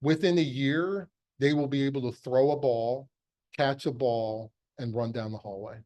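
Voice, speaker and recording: A middle-aged American man, a pediatric epilepsy surgeon, gives a conversational medical lecture, explaining things emphatically and asking rhetorical questions. His mid-range voice is a little mellow, with fairly even intonation and a moderate pace.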